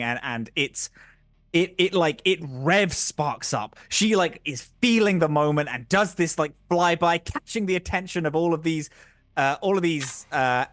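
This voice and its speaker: A man narrating as game master in a tabletop game stream, animated and laughing as he goes. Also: fairly high pitch, no room sound. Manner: animated, laughing, restarts often.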